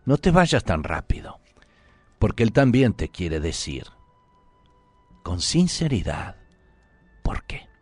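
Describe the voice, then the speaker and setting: A man's voice: fairly low pitch, sing-song, takes it slowly, long pauses, a little mellow, breathy edge, no echo, soft background music. A man preaching a sermon in an earnest, pleading, intimate way, sometimes dropping to a whisper.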